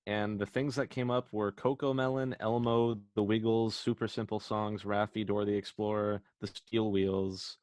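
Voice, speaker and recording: A man with a lowish voice co-hosts a casual comedy podcast, trading jokes in a laid-back way. The recording is close and dry. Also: little pitch movement, normal speed, hardly any pauses, a little mellow, no room sound. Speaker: podcast co-host.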